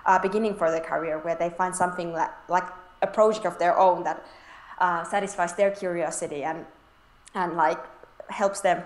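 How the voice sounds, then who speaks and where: A woman's voice: on the low side, fairly even intonation, normal speed, echoey room. A young woman from Finland, chatting as an interview guest, laughing often and restarting her sentences. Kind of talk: casual interview chat.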